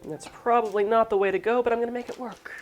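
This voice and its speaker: A woman's voice: fairly high pitch, steady tone, fast talker, faint music behind. A woman hosting a casual live cooking demo, rambling and self-deprecating while snacking between steps. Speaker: cooking show host.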